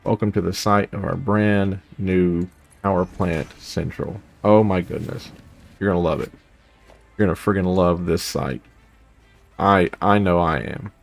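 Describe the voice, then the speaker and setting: Low and steady, this young man's unhurried voice carries vocal fry as he casually rambles through a let's play, humming between thoughts. Faint music plays behind him.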